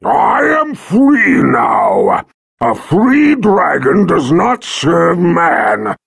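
A man voicing a huge proud young male red dragon, speaking slowly and booming as if from far off. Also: sing-song, creaky, fairly bright tone, husky, no room sound, shouting, studio quality, heavily acted. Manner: slow, booming, growling.

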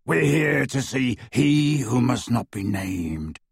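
A man doing a rasping, brutish werewolf. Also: mid-range voice, sing-song, slow, no room sound, clean studio sound, heavily acted. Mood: resentful. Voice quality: raspy. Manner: roaring, gloating.

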